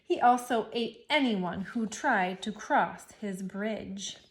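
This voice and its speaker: A woman reading a children's storybook aloud with expressive, playful narration. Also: mid-range voice, slow pace, slight background noise.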